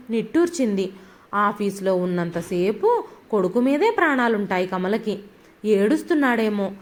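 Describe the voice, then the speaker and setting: A woman narrating a scripted audio story in an expressive, measured way. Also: a little high.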